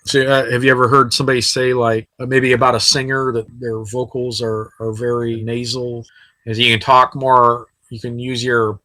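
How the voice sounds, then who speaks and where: A man's voice: medium pitch, little pitch movement, normal speed, bright, forceful tone, no echo, rough recording. A man teaching anatomy in a casual, chatty recorded lecture over slides, with frequent fillers. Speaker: anatomy instructor. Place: sitting while recording.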